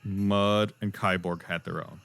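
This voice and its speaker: A man's voice: sits low, steady tone, measured pace, gravelly, a bit bright. A man narrating as game master in a playful way, often breaking into laughter. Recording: faint music behind.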